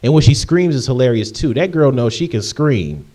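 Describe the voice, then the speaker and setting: A man's voice: medium pitch, expressive, moderate pace, warm tone. A man in his late twenties from Michigan, casually answering viewer questions in a chatty, rambling way with frequent ums and restarts. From Michigan, USA. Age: 20s. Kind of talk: casual Q&A vlog.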